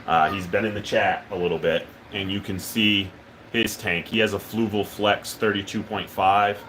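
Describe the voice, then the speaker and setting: A man's voice: on the low side, normal speed, slight background noise. A man hosting a live stream, talking casually and rambling with lots of ums as he reads chat. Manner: relaxed, rambling, many ums and uhs. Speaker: livestream host.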